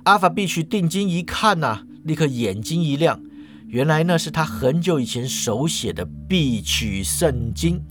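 A man narrating a comic story in a lively, chatty way, stretching his sentence particles. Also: on the high side, measured pace.

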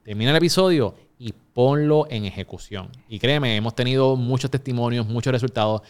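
A man's voice: medium pitch, a little fast, clear, resonant tone. A man hosting a podcast from a recording studio, upbeat and speaking straight to his listeners. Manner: upbeat, direct address to listeners. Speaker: podcast host. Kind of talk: energetic podcast hosting with promotional reads.

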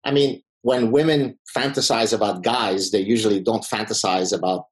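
This podcast guest is a middle-aged professor from the Middle East whose first language is Arabic. He answers the interviewer confidently and combatively, with a dry wit, in a lowish voice that moves at a moderate pace with fairly even intonation.

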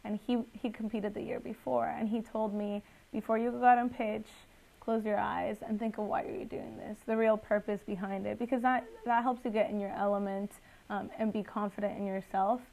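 A woman's voice: medium pitch, little pitch movement, a little fast, vocal fry, a little mellow, low-quality recording. A woman in her twenties, originally from Guatemala, talking earnestly as a guest entrepreneur in a podcast interview with plenty of fillers. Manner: earnest, chatty with frequent fillers.

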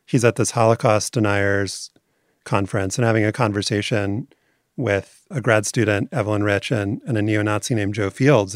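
A man interviewed about his documentary series, explaining in articulate, measured terms. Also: lowish voice, dry recording, clean studio sound. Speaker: documentary series maker as guest. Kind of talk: conversational interview.

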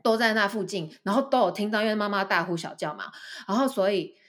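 Taiwanese woman telling a story. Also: quick pace. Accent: Taiwanese Mandarin. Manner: animated storytelling, acting out a parent in a high voice. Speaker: podcast co-host, teacher. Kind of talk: casual chat, storytelling.

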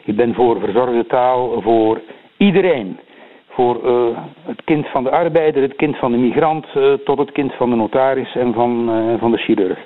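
An older man from Belgium with a Belgian Dutch accent, a hesitant radio guest who repeats words and fills pauses. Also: medium pitch. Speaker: guest commentator. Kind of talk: radio interview by phone. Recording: tinny phone line.

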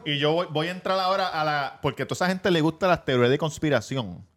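A man's voice: fairly high pitch, animated, fast talker, fairly bright tone. A man with a Puerto Rican accent, hosting a casual podcast in a crude, mocking, ranting way. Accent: Puerto Rican Spanish. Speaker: podcast host.

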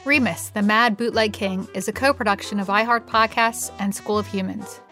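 Female host narrator, measured scripted storytelling, faint music beneath. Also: medium pitch, steady tone, pushed and bright.

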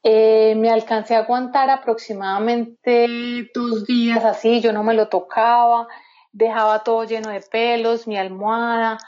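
A woman's voice: a little high, flat delivery, measured pace, darkish tone. A woman guest in an interview, telling a personal story in an earnest, heartfelt way. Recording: slightly dull lo-fi sound.

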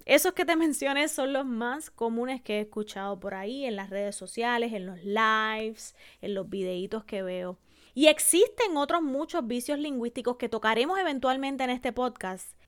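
A Puerto Rican woman hosting a solo podcast on public speaking, teaching carefully and slowing down to spell out examples. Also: a little high, clean tone. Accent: Puerto Rican Spanish. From Puerto Rico. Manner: didactic, slows to spell out examples. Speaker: podcast host.

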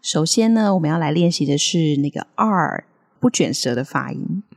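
Woman host, low and husky, very animated delivery, casual teaching patter with lots of laughter. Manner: laughs often, models English words slowly. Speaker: podcast co-host teaching English accents. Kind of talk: casual language-lesson chat.

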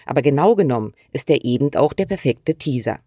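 A woman's voice: rumbling low, lively intonation, fairly quick, mellow, husky, no room sound, studio quality. A woman hosting a scripted writing tutorial, talking straight to the viewer in a direct, instructive way. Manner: direct and instructive, uses imperatives. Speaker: writing coach and channel host.

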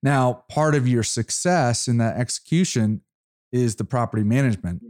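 With a medium-pitched, slightly mellow voice, this man hosts a casual podcast interview. He restarts his questions frequently in a halting way and keeps affirming what the guest says.

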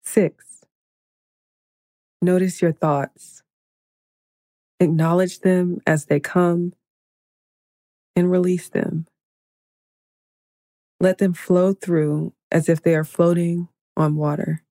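Woman, meditation guide, soothing and hushed, very flat, unhurried delivery. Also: on the low side, no echo, clean studio sound. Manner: slow, soothing, hushed counting.

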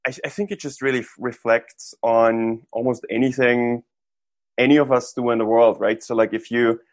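A man's voice: mid-range voice, steady tone, normal speed, dry recording. Thoughtful man from Austria, dry sound. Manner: thoughtful, frequent restarts and "like" fillers. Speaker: interview guest, entrepreneur. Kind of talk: casual interview talk.

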